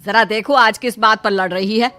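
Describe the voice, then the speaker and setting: A woman's voice: medium pitch, fairly even intonation, normal speed, pushed and bright, close to an everyday voice. A woman voicing a scolding, nosy middle-aged mother-in-law in a cartoon, with nagging outbursts. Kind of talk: Hindi cartoon voice acting.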